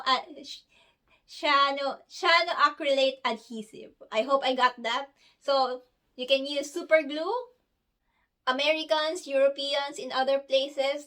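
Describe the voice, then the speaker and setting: A woman's voice: high voice, a bit bright. A woman in her thirties, giving a chatty, giggly crafting tutorial and correcting herself as she goes. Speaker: cosplay crafter. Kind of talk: casual tutorial.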